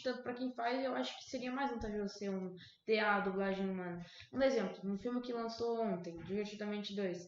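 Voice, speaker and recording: A woman with a Brazilian accent giving her view in a casual debate, talking quickly and filling with "tipo". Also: fairly high pitch, slight background noise. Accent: Brazilian Portuguese. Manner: quick, with many "tipo" fillers. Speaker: debate panelist. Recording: echoey room, dull lo-fi sound.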